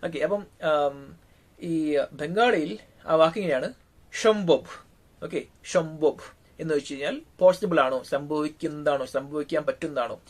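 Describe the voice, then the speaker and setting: A man with a Malayali accent giving a relaxed, casual spoken language lesson, pausing often on drawn-out fillers. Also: fairly high pitch. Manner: unhurried, frequent drawn-out fillers. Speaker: language teacher.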